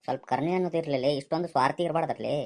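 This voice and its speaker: A low-voiced, defensive young village guy, played by a woman, fires off scolding banter at a racing clip. He speaks with a North Karnataka Kannada accent, like someone in a comic village skit. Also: rapid-fire, darkish tone.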